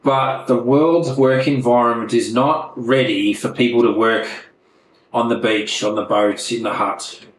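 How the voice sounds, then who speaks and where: A man's voice: medium pitch, fairly even intonation, unhurried, reverberant, slight background noise, rough recording. A man co-hosting a casual podcast, chatty and rambling, laughing often over a video call. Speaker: podcast co-host. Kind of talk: casual chat.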